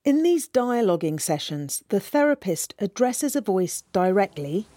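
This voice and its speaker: A woman reporter giving scripted documentary narration in a measured, storytelling manner. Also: mid-range voice, sing-song, warm tone.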